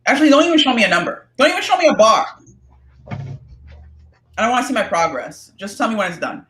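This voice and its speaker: A woman co-hosting a casual chat, talking in a lively, animated way and reacting quickly. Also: on the high side. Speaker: podcast co-host. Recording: echoey roomy sound.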